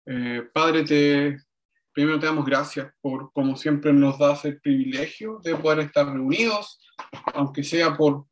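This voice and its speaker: A man preaching a sermon, slow and reflective, with frequent pauses and restarts, for an online service. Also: a little high. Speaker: pastor.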